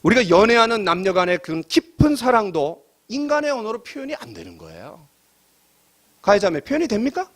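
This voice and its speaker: A man's voice: sits high, husky. A middle-aged male pastor preaching a sermon, asking the congregation rhetorical questions and acting out quoted asides.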